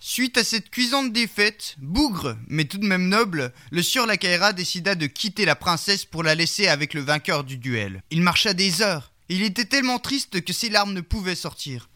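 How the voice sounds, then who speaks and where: A man's voice: high voice, lively intonation, normal speed, few pauses, bright, forceful tone. A man narrating a comic fairy tale in a mock-solemn tone, with absurd asides.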